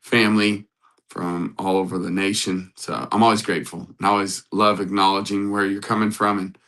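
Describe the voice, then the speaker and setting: A man's voice: deep voice, flat delivery, a little fast, a bit bright, poor audio. A man hosting a casual live stream as a matchmaker, upbeat, greeting viewers in the chat and repeating motivational phrases. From United States. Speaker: livestream host and matchmaker.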